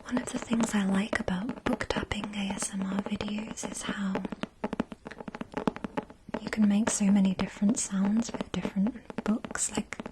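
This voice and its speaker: A woman whispering softly and gently in an unvoiced ASMR ramble, chatting casually to her viewers. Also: mid-range voice, steady tone, unhurried, heavy background noise. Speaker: ASMR video creator.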